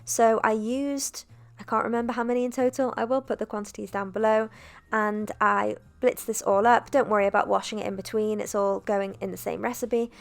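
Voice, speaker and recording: A young woman narrating a cooking video in a chatty, relaxed voice-over, with self-deprecating asides. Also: mid-range voice, vocal fry. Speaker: cooking vlogger.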